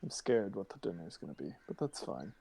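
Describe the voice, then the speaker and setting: A man's voice: deep voice, big pitch swings, quick pace, vocal fry, warm tone, slightly rough. A young man speaking in character as a player in a tabletop game, dry and self-assured.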